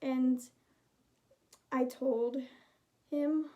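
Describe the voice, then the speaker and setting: A woman's voice: high-pitched, fairly even intonation, very slow, mellow. A woman in her twenties telling a personal story in a chatty, rambling, heartfelt way on her vlog. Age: 20s. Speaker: vlogger.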